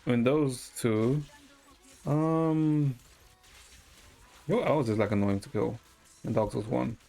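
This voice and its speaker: A man speaks slowly in a mid-range voice that is creaky and mellow, streaming a game while chatting casually with viewers. His thinking aloud is hesitant, with some mild swearing, and background music accompanies him.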